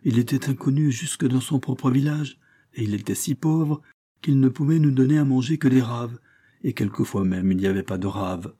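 Male audiobook narrator, measured, expressive, dark mellow voice, slightly husky. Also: medium pitch.

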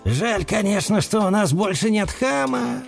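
A man voicing an excitable male frog auctioneer who rattles off his words gleefully. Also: high-pitched, unhurried, gravelly, faint music behind, voice pushed up, exaggerated voice. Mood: blissful.

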